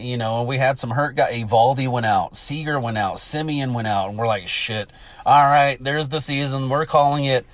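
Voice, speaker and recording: A man's voice: mid-range voice, no echo. Stuffy-nosed American man chatting casually. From Texas, United States. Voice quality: stuffy, congested nasal voice. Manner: rambling, profane. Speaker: podcast host. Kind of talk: casual solo sports chat.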